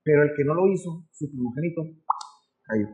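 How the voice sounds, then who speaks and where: A man's voice: a little high, lively intonation, fairly quick, narrow, tinny audio. A man with a Mexican Spanish accent preaching a sermon as a pastor, earnest and conversational, voicing God and Moses in dialogue.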